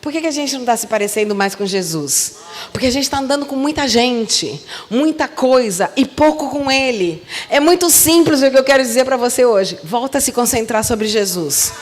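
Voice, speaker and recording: A Brazilian woman pastor with a high, ringing voice preaches in a church, moving from loud exhortation to soft asides. She keeps calling on the congregation to repeat her words. Her voice trails a long reverb through the sanctuary. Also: animated, moderate pace. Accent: Brazilian Portuguese. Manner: calls on the congregation to repeat and respond. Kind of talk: sermon.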